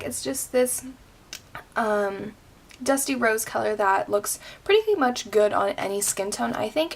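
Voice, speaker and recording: A woman's voice: a little high, creaky, a little hiss or hum. A young woman talking through a makeup tutorial in a chatty, rambling way, full of ums and likes. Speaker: beauty vlogger.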